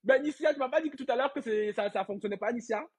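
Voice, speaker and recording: A man's voice: extremely high pitch, quick pace, slightly rough. A man hosting a casual gossip live stream, reading out viewer comments. He rambles, repeats words and laughs often as he talks straight to his viewers. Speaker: livestream gossip host.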